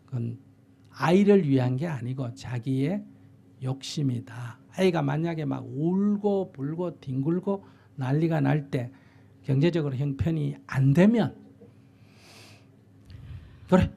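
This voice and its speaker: Gravelly monk. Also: male voice, medium pitch, dark tone. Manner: blunt, plain-spoken advice, acting out parent and child lines. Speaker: Buddhist monk giving advice. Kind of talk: dharma talk answering a question.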